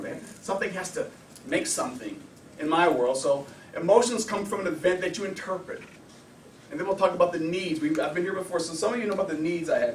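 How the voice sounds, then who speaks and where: A man teaching an informal anger management class, talking in a lively, conversational way and acting out the voices of the people he quotes. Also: a little high, a little hiss or hum. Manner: animated, conversational, acts out quotes. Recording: echoey room, voice from a distance.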